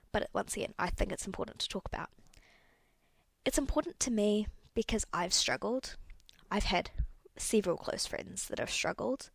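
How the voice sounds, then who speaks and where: Speaking in a creaky, mid-range voice on a dry recording, a young woman hosts her own podcast. She chats openly and casually, wandering a little and fixing her wording along the way.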